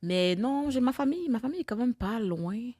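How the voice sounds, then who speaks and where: Fast-talking Québécois woman co-host. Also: a little high, no echo, clean studio sound. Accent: Québécois French. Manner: emphatic, animated storytelling with bursts of loud laughter. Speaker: podcast co-host. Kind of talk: casual chat.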